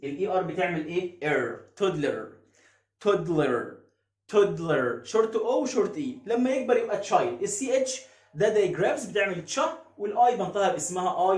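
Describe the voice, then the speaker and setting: An English teacher with an Egyptian Arabic accent explains pronunciation, asking himself questions and answering them. His voice sits high, and he repeats words slowly. The room gives a clear echo. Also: lively intonation, darkish tone. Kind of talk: phonics lesson explaining pronunciation.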